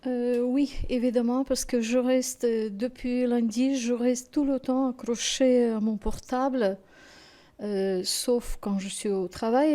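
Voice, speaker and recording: Exhausted after sleepless nights, a woman with a Ukrainian accent speaks French as a native Russian speaker while appearing as a studio guest in a television interview. Her voice is mellow and a little high, and she talks haltingly and emotionally, searching for words.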